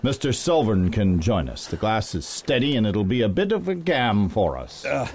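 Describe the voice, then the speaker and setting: Gruff, genial old whaling-era captain played by a man, lively intonation, period nautical radio play. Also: fairly low pitch, normal speed. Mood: brisk, genial. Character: gruff, jovial old sea captain, self-styled old sea dog. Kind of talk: period maritime audio drama acting.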